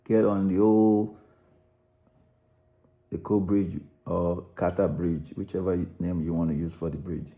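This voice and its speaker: A man's voice: low-pitched, little pitch movement, unhurried, pauses often, warm tone. A man with a Nigerian accent, talking through a route in loose, rambling commentary, often restarting and repeating words. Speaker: narrator analysing a song. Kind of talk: unscripted spoken commentary.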